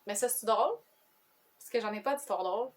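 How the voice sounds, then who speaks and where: A chatty woman with a Quebec French accent and a fairly high voice. She talks casually to camera about books, rambling and cutting herself off with quick asides. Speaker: book vlogger.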